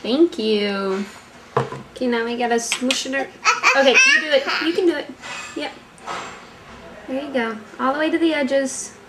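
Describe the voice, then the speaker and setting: A woman in a home kitchen, encouraging a small child in a high, sing-song voice. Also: very animated, a little slow, long pauses. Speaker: parent talking to a toddler. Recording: noisy home video, a bit distant.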